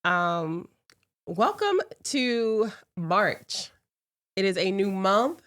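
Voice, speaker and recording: A woman's voice: medium pitch, very animated, drawn-out words, fairly bright tone, dry recording, studio quality. A woman, chatting casually and speaking straight to her viewers. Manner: chatty, addresses viewers directly. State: congested. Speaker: talk show host. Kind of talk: casual talk show intro.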